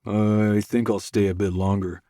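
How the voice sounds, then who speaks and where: A man's voice: on the low side, little pitch movement, moderate pace, dark tone, dry recording, clean studio sound, lightly acted. A man voicing an awkward, easygoing male teammate in an audiobook, hesitant and uncomfortable. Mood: friendly. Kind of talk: audiobook character voice.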